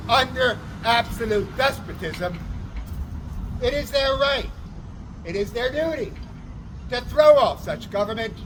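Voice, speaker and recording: A man takes on the role of a town crier making a solemn public proclamation. His voice is pitched very high and carries each short phrase with deliberate, declamatory weight. It is recorded outdoors with faint traffic noise behind.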